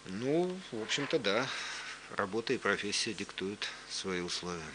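A man's voice: fairly low pitch, animated, moderate pace, fairly bright tone, rough recording. A man speaking as an expert guest, giving matter-of-fact explanations in unscripted live commentary. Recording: faint hum and background noise.

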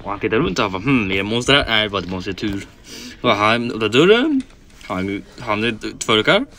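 A man doing playful game commentary, his pitch jumping up and down as he talks. He narrates each move and voices the character's thoughts in quick, jokey asides. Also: big pitch swings, bright, forceful tone. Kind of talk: playful Let's Play commentary.

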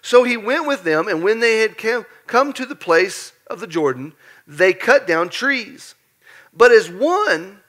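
A man preaching to his church in a loose, conversational style, animated and playful. His voice sits high for a man and has a bright, forward edge. He tells the story like a storyteller and jokes along the way. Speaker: pastor. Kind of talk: lively conversational sermon. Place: church sanctuary.

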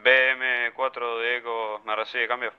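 Un hombre que actúa como radioperador en un juego militar, hablando por la radio del juego con frases formales y cortantes como "afirmativo" y "cambio". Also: male voice, medium pitch, little pitch movement, measured pace, clear, resonant tone. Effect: voice over in-game radio. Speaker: player acting as squad radio operator. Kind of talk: military radio procedure in a milsim game. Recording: muffled lo-fi radio transmission.

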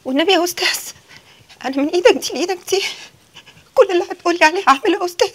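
Brief: a young Egyptian woman aching to act, pleading, quick and high. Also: a bit bright. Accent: Egyptian Arabic. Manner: pleading, rapid and breathless.

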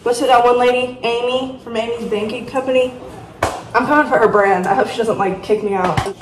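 This teen vlogger bakes in her home kitchen and rambles casually, poking fun at herself, in a slightly high, steady voice at a fairly quick pace. A phone camera captures her from a distance, so the roomy, off-mic sound carries background noise and music.

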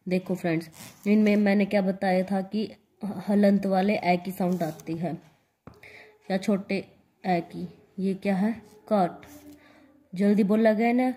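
Slow, mellow-voiced woman teaching shorthand. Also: medium pitch. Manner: spells out letters and repeats example words. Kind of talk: slow step-by-step lesson.

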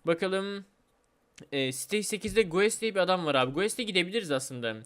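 A man hosting a let's play video, chatty and excitable, talking straight to his viewers and gleefully trolling other players. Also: sits high, moderate pace, clear, resonant tone. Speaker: gaming video host.

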